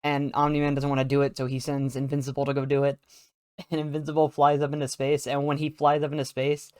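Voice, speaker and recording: A man's voice: mid-range voice, completely flat delivery, quick pace, darkish tone, clean tone, no room sound, studio quality. A young man chatting casually about a show, rambling with many fillers and frequent laughs. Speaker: video creator. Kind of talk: casual chat.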